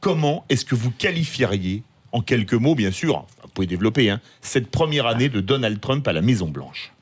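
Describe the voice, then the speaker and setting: A man's voice: medium pitch, animated, normal speed, slightly rough. A man hosting a radio talk show, reading a polished introduction and moderating guests. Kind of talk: scripted introduction then moderating.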